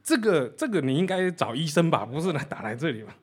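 A man doing a flustered repairman on the phone, his voice jumping high and loud, exclaiming in alarm with a lilt. The pitch leaps around wildly as he fusses and frets. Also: big pitch swings, fast, slightly rough. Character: panicked male phone repairman, middle-aged.

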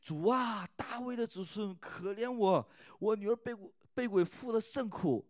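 A man takes on a desperate mother begging for mercy for her daughter, her voice pitched up and raised. The plea is read out from scripture, heard close and dry. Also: moderate pace, darkish tone, no room sound, lightly acted. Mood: pleading. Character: desperate pleading mother, a biblical foreign woman.

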